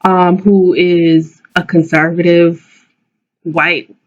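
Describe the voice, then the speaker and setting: A woman's voice: fairly low pitch, level tone, slow. A woman video blogger giving her opinions casually, in an informal, digressive way, often correcting herself. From Jamaica. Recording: dull lo-fi microphone sound.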